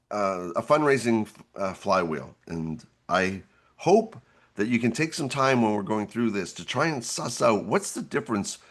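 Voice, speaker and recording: A man with a hoarse, gravelly voice presenting an instructional webinar in an earnest, explanatory way. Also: on the low side, a bit bright. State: hoarse, gravelly from losing his voice.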